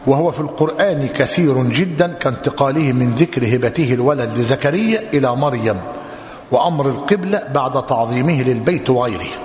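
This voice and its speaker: A man's voice: medium pitch, a little mellow. Man teaching in an echoey hall. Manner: measured, explanatory, slows to dictate. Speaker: religious teacher. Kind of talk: explanatory lesson with dictation. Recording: echoey hall with long reverb, faint noise.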